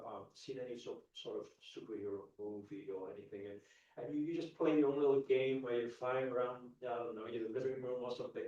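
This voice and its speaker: Heard from afar and muffled, a young man from the UK speaks at medium pitch during a live stage talk in a large indoor event hall with echo. As a motivational speaker, he is earnest, often restarts his sentences, and puts questions to the crowd.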